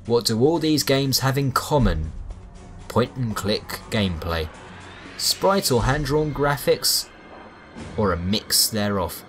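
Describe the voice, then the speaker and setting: A man with a mid-range, fairly bright voice delivers a scripted video game review slowly, with big swings in pitch. He adds wry, sarcastic asides, and music plays behind his voice.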